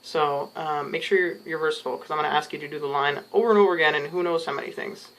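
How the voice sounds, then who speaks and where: A man's voice: a little high, fairly even intonation, quick pace, fairly bright tone, poor audio. A man giving casual audition advice to camera as a casting director, rambling through tangents with many "um"s and "you know"s.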